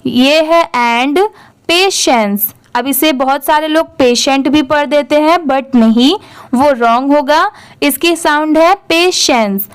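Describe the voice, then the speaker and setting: A high-pitched woman leads a slow English reading lesson. She spells each word out letter by letter, asks what it reads as, and answers herself. Her pace stays unhurried and measured throughout. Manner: slow, spells words letter by letter and repeats them; asks questions then answers them herself. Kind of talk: classroom-style phonics lesson.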